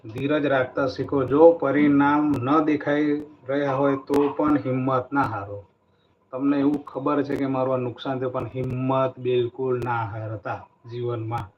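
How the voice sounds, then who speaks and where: A man giving a spiritual motivational talk in an earnest way, telling a story and repeating key phrases. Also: medium pitch. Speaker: motivational speaker. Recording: dull lo-fi recording with faint noise.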